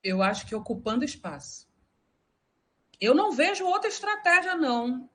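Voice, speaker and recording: A woman's voice: high-pitched, sing-song, moderate pace. A woman, speaking with passion and emphasis as a panelist in a live discussion. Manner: impassioned, emphatic.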